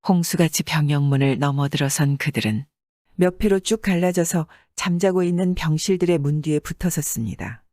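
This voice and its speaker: A man's voice: fairly high pitch, no echo, clean studio sound. Man narrating an old folk tale. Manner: measured, expressive storyteller. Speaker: audiobook narrator.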